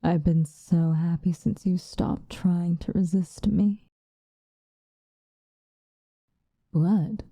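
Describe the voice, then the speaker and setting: In an ASMR roleplay, a woman plays a possessive vampire lover, speaking softly and often whispering close to the mic with no echo. Her full character voice is lowish, slow, creaky and husky with fairly even intonation, teasing and coaxing with condescending affection and a hint of menace.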